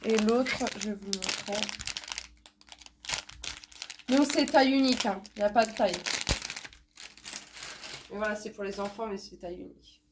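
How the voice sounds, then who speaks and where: A woman with a cold talks nasally through a blocked nose as she shows off a haul of things she bought in a casual unboxing chat. Her medium-pitched voice moves at normal speed with long pauses, over a noisy background, and she's chatty, repeating words and using many fillers.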